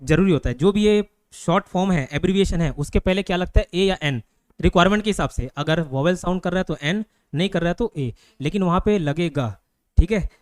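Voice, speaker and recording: High-voiced male teacher quizzing students. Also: no room sound. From India. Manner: keeps checking understanding with quick questions to students. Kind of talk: classroom grammar lecture. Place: classroom with students.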